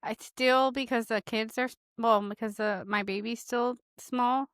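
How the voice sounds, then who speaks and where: High-voiced chatty woman, dry mic. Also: fairly even intonation, measured pace, fairly bright tone, no echo. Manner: laughs often, chatty storytelling. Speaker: podcast co-host. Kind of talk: casual chat.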